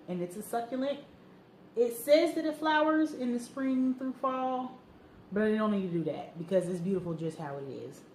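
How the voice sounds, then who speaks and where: A woman talking casually in a sewing vlog, chatty, excitable and prone to rambling. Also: fairly low pitch. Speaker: sewing vlogger. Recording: roomy echo, faint background noise.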